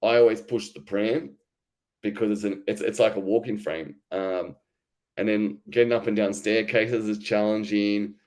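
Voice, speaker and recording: Guy in his thirties, low and resonant, chatty and candid, telling his own story. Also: fairly even intonation, normal speed, darkish tone. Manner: candid, informal, many fillers and restarts. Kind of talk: casual conversational storytelling.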